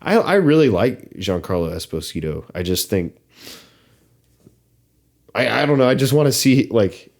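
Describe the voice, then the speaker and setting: A young adult man co-hosting a podcast, talking casually about a movie with many pauses, fillers and restarts. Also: mid-range voice, very animated, creaky, a little mellow. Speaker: podcast co-host.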